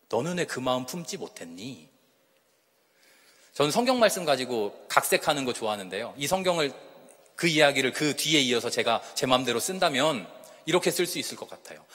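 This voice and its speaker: A man's voice: mid-range voice, a bit bright, breathy edge. A man giving a sermon-style talk at a church retreat, asking the audience questions and acting out the quoted voices. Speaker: speaker at a church women's retreat. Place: church hall. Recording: long church hall reverb.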